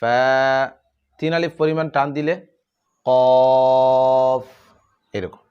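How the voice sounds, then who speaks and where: A man teaching Quran letter pronunciation, drawing out each letter name slowly and explaining the difference between similar sounds. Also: medium pitch, dull audio. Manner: slow, drawn-out recitation of letter names.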